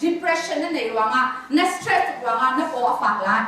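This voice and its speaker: A woman's voice: sits high, expressive, moderate pace, bright, forceful tone. Woman lecturing in a roomy echoing hall. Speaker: conference speaker. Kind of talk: lecture on counseling. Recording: echoey hall from far off.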